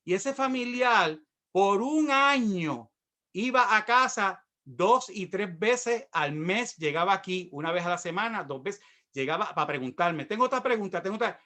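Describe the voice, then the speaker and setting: In a sermon built on personal testimony, a middle-aged pastor with a Puerto Rican Spanish accent recounts his story energetically and animatedly, taking an unhurried pace. He performs the voices of the people involved, and his high voice comes across bright and forward.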